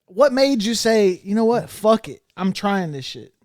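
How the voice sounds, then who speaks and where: A man's voice: high-pitched, very animated, measured pace, a little mellow, dry recording, clean studio sound. A man hosting a podcast in casual chat, laid-back and joking, swearing freely. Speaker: podcast host.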